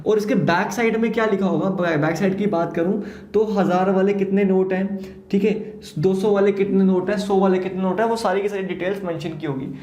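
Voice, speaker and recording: Man, accounting lecture, fairly high voice, echoey classroom. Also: steady tone, brisk, darkish tone. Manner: mixes Hindi and English, asks and answers his own questions. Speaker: accounting teacher. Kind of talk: exam-prep lecture. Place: classroom with a board. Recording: echoey room.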